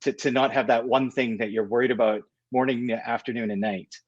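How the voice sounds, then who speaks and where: A man from Western Canada, an entrepreneur guest in an interview, relaxed and upbeat, with many 'you know' fillers. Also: mid-range voice, fairly quick, dry recording, highs cut off. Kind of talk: interview conversation.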